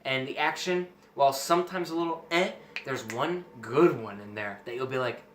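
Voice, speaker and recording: A man's voice: mid-range voice, moderate pace, fairly bright tone. A man hosting a casual film review, talking emphatically and with enthusiasm. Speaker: host of a film review show. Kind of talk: casual movie review chat. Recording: roomy echo, faint background noise.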